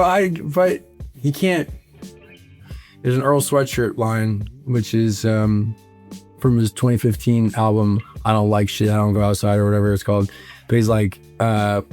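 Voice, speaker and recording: Rambling candid man in a studio interview. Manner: rambling, animated, full of "like" and "right?"; mimics fans in high excited voices. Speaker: musician interviewee. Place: recording studio.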